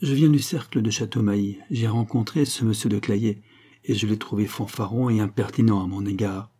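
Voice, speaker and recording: A proud, jealous nobleman, read by a man in an audiobook, grave and halting. His voice is low, dark and husky. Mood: hesitant. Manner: hesitant, grave. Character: jealous, proud Russian count, middle-aged man. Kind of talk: audiobook reading.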